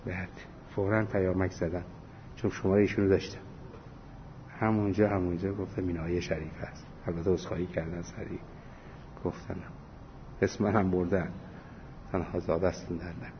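Through a dull, slightly hissy lo-fi recording, a man teaches a religious lesson in a deep, level voice broken by frequent pauses. He shares stories full of reported dialogue, chuckling softly as he goes.

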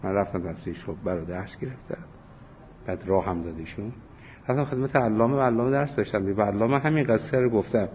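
A man giving a religious lesson, telling anecdotes full of quoted dialogue and small chuckles. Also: on the low side. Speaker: religious teacher. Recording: dull lo-fi recording with faint hiss.

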